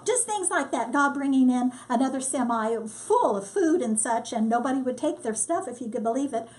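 Older lady volunteer, high voice, chatty, acts out the quotes. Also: a little fast. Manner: lively storyteller, acts out quotes. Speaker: disaster relief volunteer. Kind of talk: casual testimony.

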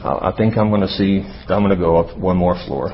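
A man delivers a conversational sermon like a storyteller. His manner is casual and folksy, with pauses as he goes. The recording is slightly dull, with faint noise behind his voice. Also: deep voice. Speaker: speaker at a church or marriage talk.

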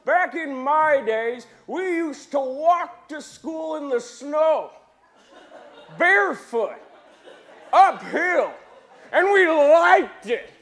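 A man doing a high, creaky-slow grumpy old-timer. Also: lively intonation, fairly bright tone, heavily acted. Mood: indignant. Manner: rambling, grumbling, folksy old-timer talk. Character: grumpy nostalgic old man, complaining about modern times. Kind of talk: comic character monologue.

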